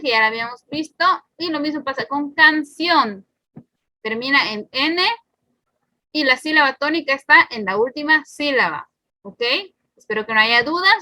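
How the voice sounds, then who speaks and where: A woman's voice: sits high, pushed and bright, no room sound. A woman teacher giving a recorded spelling lesson, patiently explaining each rule step by step and repeating it. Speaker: primary school teacher.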